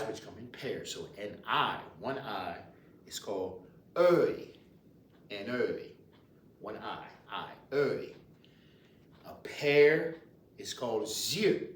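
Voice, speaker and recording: Male language teacher, Louisiana Cajun accent, deliberate and repetitive, slow delivery, picked up by a distant mic. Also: fairly low pitch. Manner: deliberate, repetitive, with hesitant pauses. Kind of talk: informal lesson, explaining and repeating words. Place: indoors in a library. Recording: roomy, distant mic, faint noise.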